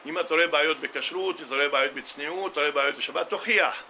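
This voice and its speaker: A man preaches to his congregation in a rabbi's sermon, his voice pitched fairly high and ringing very bright. He tells stories and plays out the voices in them. A faint hiss runs under the recording. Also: steady tone. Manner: storytelling, acts out dialogue in a quoted exchange. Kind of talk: Tisha B'Av sermon.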